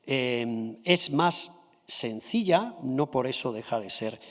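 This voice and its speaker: A Spanish-man delivers a formal conference talk in a mid-range voice. He courteously walks the audience through his findings, pausing to check they follow. The sound carries the long reverb of a large hall. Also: medium pitch, lively intonation, fairly bright tone. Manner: addresses the audience politely, checking in with a quick "¿sí?" or "¿vale?". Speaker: conference speaker presenting a comparative study.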